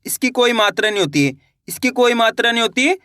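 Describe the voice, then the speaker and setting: A man's voice: very high-pitched, animated, a little fast, bright, forceful tone, no room sound, studio quality. A young man teaching a beginner reading lesson, patiently repeating each question and answering it himself.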